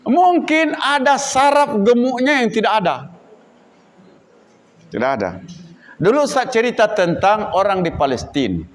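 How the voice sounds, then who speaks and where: A man who leads an Indonesian boarding school, giving a religious lecture to students and acting out examples, at times loud, at times hushed. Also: very high-pitched, unhurried, long pauses. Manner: animated, acts out examples, shifts between loud and hushed. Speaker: Islamic boarding school leader.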